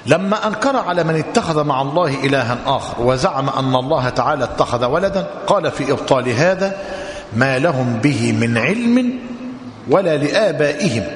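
Man teaching in an echoey hall. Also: medium pitch. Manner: measured, explanatory, slows to dictate. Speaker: religious teacher. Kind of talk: explanatory lesson with dictation. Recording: echoey hall with long reverb, faint noise.

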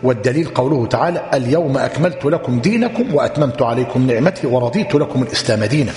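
A man's voice: mid-range voice, animated, darkish tone. Man lecturing in an echoey hall. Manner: repeats points slowly, quizzes listeners. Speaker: religious teacher. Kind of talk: lecture explaining a text.

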